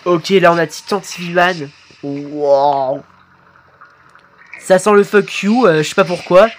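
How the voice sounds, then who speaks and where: A man commenting live on videos his subscribers made, excitable and quick to exclaim and swear. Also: high voice, slight background noise. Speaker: YouTuber reacting to fan animations.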